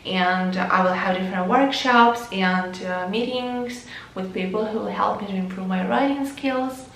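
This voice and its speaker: A young Ukrainian woman vlogger narrates casually in an echoey room with faint music in the background. Her mid-range, fairly bright voice is unhurried and earnest, with frequent fillers and restarts.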